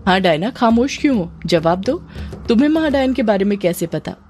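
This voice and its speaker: A woman's voice: medium pitch, lively intonation, a little fast, darkish tone, soft background music, lightly acted. A woman voicing a playful young man who teases his friend in a Hindi horror audio story. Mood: teasing. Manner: teasing, joking.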